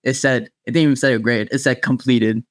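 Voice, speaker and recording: A man's voice: mid-range voice, fairly even intonation, brisk, no echo. A man co-hosting a podcast, bantering in casual street slang and swearing freely. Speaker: podcast co-host.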